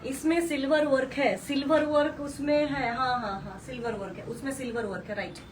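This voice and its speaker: A woman with a high, bright voice pitches sarees on a live stream, gushing and repeating herself as she names each shade. She sits a little back from the mic. Faint noise hums underneath. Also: steady tone, brisk, recorded from a distance, low-quality recording. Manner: gushing, repetitive, mixes English color words into Hindi. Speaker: saree seller hosting a live sale.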